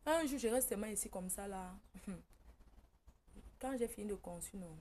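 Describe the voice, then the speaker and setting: A woman's voice: mid-range voice, animated, moderate pace, darkish tone, a little hiss or hum. Lady vlogging, telling her story straight to camera, emphatic, keeps quoting her family, normal mid voice. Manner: emphatic, tells the story by quoting family members, often breaks into laughter. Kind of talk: casual storytelling monologue to camera.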